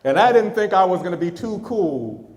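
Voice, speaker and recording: A man's voice: sits high, sing-song, normal speed, a little mellow. Preaching man in a reverberant hall. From United States. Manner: storytelling preacher, speaks to the congregation with chuckles. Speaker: pastor. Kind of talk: sermon.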